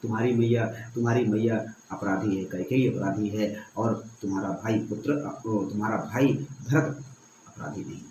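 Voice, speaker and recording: A man's voice: lowish voice, steady tone, moderate pace, warm tone, echoey room, a little hiss or hum, low-quality recording. A male teacher reading lines of a Hindi poem aloud and explaining each one, repeating phrases as he goes. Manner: reads verse lines then paraphrases them, repeating phrases.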